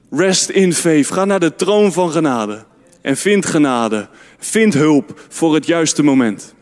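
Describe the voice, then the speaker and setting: Fervent preacher in a reverberant hall. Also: male voice, fairly high pitch. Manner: fervent, exclaims amen and hallelujah. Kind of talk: sermon. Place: church hall.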